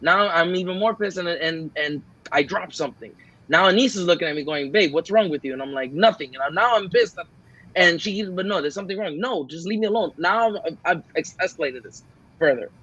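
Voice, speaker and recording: A man's voice: high voice, lively intonation, a little fast, bright, forceful tone, breathy edge, muffled recording. Earnest man rambling on a podcast. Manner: earnest, rambling, acts out his own quoted lines. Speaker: podcast co-host. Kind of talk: casual podcast chat.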